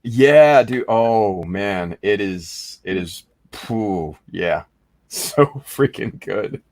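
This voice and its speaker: Slow, low-voiced man chatting. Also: darkish tone, no echo. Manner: enthusiastic, rambling with fillers. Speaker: podcast co-host. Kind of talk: casual chat.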